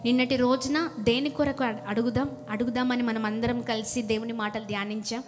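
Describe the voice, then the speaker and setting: A woman preacher giving a fervent sermon and leading prayer, calling out to her congregation and dropping at times to a hushed voice. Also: fairly high pitch, steady tone, a little fast. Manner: fervent, calls out to the congregation, swings from loud to hushed. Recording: music playing under the voice. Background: music in the background.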